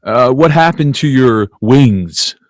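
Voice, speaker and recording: A man playing George, a bitter, desperate family man at his wits' end, agitated and halting in an old-time radio play. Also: mid-range voice, lively intonation, no room sound, studio quality. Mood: dejected, bewildered.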